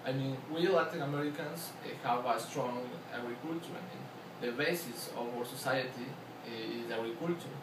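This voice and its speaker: A young man with an Ecuadorian accent and medium pitch talks through interview answers as a student, pausing with fillers and repeatedly restarting. A distant microphone captures him in an echoey room over a constant bed of noise.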